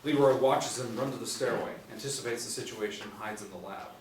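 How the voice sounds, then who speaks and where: Seated in a small indoor room, a middle-aged man reads a script's stage directions as narrator for a table read. He talks fast in a medium-pitched voice. The room is echoey, the mic is distant, and faint noise can be heard.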